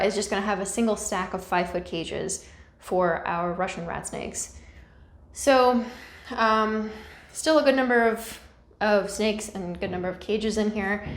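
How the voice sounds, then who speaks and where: A woman giving a casual, self-deprecating explainer as a vlog host, recorded in a small, echoey, mostly empty room. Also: mid-range voice. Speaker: host of a snake-keeping video channel.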